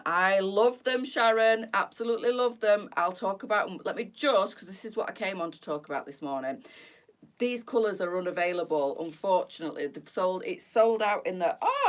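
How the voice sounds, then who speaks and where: Female host, casual live-selling patter to viewers, mid-pitch, occasionally puffing. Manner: chatty, warm sales patter addressing viewers as girls. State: out of breath while changing. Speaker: boutique live-stream host.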